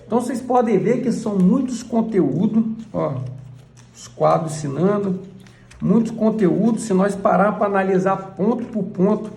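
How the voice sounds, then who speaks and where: Gravelly high-voiced Brazilian man teaching. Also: moderate pace, dark tone, roomy sound. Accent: Brazilian Portuguese. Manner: points things out with frequent "look" asides. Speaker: church elder teaching. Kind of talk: explaining a book page by page.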